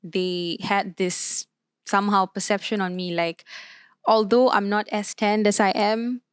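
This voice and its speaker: A young woman from Malaysia, speaking casually as a panel guest and often filling pauses with "like". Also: mid-range voice, level tone, clear, resonant tone, no echo, studio quality. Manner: chatty, frequent filler "like", restarts.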